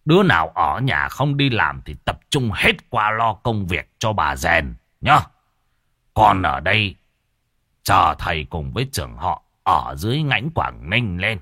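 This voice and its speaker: Gruff elderly elder, commanding, deep voice, bold swings in tone, voiced by a man. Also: very animated, measured pace, sharp tone, no room sound, studio quality, full character voice. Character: stern elderly village elder giving orders.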